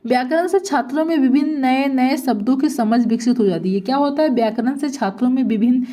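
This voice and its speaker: A woman's voice: sits high, fairly quick, dark tone. A woman teacher giving an exam-prep lecture, asking rhetorical questions, answering them herself and repeating each point.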